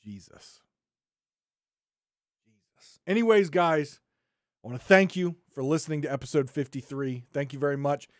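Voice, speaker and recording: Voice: mid-range voice, moderate pace, long pauses, dry recording, studio quality. A podcast host delivering an exasperated, sarcastic ranting monologue into a microphone.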